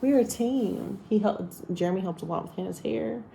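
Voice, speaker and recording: Chatty lady rambling on a vlog, warm lowish voice, bit of room noise. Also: fairly quick, gravelly. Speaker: vlogger. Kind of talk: casual chat. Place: hotel room abroad.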